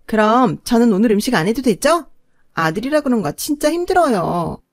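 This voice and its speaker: A spoiled young pregnant sister-in-law who whines and wheedles in a high, sly voice, voiced by a woman. She sounds put-upon and crafty. The recording is close and dry. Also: sing-song, normal speed, no echo. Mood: coy. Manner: whiny, sly, pleading.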